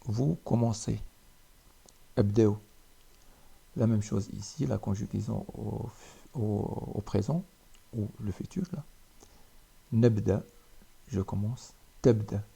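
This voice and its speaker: Slow gravelly male language teacher. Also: fairly low pitch, fairly even intonation, dark tone. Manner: repeats words slowly with pauses. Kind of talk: slow spoken language lesson.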